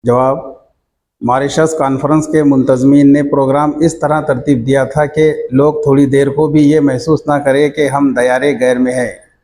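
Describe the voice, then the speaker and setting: A male teacher reading out textbook questions and their answers in a slow, measured dictation manner. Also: medium pitch, level tone, warm tone.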